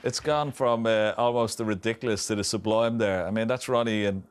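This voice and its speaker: A man's voice: lowish voice, fairly even intonation, brisk, a little hiss or hum. A man giving conversational, unscripted snooker punditry. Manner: conversational, frequent "you know".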